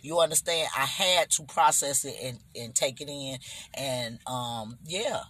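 A middle-aged man hosting a casual podcast chat, animated, who keeps checking that listeners follow him. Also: mid-range voice, a little slow, husky, no room sound. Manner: animated, keeps asking "you understand?". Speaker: podcast host.

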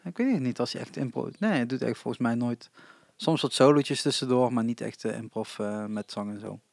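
A man's voice: mid-range voice, brisk, vocal fry, darkish tone, no echo, studio quality. A man chatting casually about small concert venues, with frequent hesitations. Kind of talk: casual chat about live music venues.

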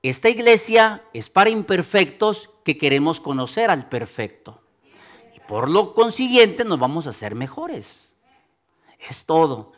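A male pastor preaching a sermon, acting out listeners' doubts in quick asides. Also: fairly high pitch, very animated.

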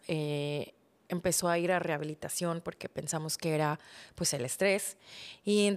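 A woman in her thirties hosting a podcast, telling a personal story, acting out remembered dialogue, then growing quiet and soft. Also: fairly low pitch. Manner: animated, acts out dialogue, trails off softly when recalling illness. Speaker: podcast host.

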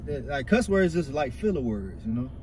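Male podcast co-host, mid-pitched, earnest casual delivery, clear vehicle noise behind. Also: big pitch swings, normal speed, darkish tone. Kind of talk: casual chat. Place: inside a car.

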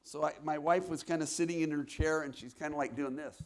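A man's voice: a little high, steady tone, normal speed. A man preaching, telling a personal story and acting out the lines of others. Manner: storytelling, acts out his wife's lines. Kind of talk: sermon testimony.

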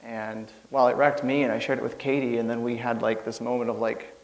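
A man's voice: mid-range voice, flat delivery, a little fast, low-quality recording. A young man giving an informal church sermon, rambling nervously with lots of fillers and laughs.

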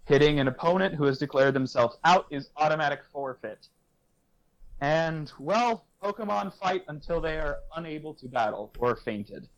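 A man's voice: fairly high pitch, expressive, moderate pace, poor audio. A man voicing an offhand male professor who runs a battle league, breezy and distracted, trailing off as he talks. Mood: instructing.

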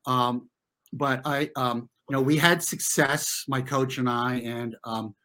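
This middle-aged American man, a former competitive swimmer from the New York and New Jersey area, reflects in conversation as an interview guest. He is informal and halting, circling back to reword things. His mid-range voice is bright and forceful, with fairly even intonation.

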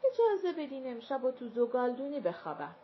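A woman's voice: sits high, big pitch swings. A woman voicing an old, poor servant woman in a storybook reading, pleading and stammering. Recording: dull lo-fi recording with faint hiss.

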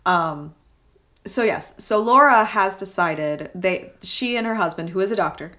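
A woman's voice: mid-range voice, animated, measured pace, sharp tone. A woman co-hosting a casual film discussion, chatty and filler-heavy, often checking in with "right?". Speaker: podcast co-host.

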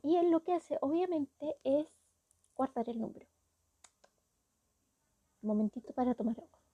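Chatty Chilean woman with a high voice. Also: lively intonation, moderate pace, no echo, dull audio. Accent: Chilean Spanish. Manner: chatty, wry, indignant asides. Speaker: storyteller. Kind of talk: casual story recap.

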